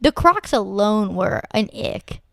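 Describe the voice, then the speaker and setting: A woman's voice: medium pitch, sing-song, slow pace, vocal fry, a bit bright. Teasing young woman hosting a chat. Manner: teasing, laughing. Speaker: podcast host interviewing her father. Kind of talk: casual chat.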